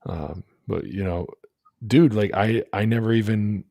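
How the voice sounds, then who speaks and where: Deep-voiced man hosting a casual chat. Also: measured pace, gravelly, warm tone, dry recording, clean studio sound. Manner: rambling, many restarts and fillers. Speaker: host.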